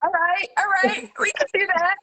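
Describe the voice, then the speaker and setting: A woman with a New Jersey accent and a very high, bright voice joins the chat from her phone. She is good-humored and laughs easily as she talks. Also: steady tone, moderate pace, slight background noise. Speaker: chef, guest host. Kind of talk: casual interview chat.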